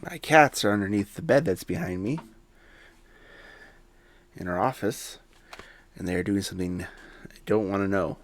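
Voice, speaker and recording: Deep-voiced rambling male streamer. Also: moderate pace, long pauses. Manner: rambling, self-deprecating, with many fillers and restarts. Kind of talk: casual gameplay commentary. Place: home office.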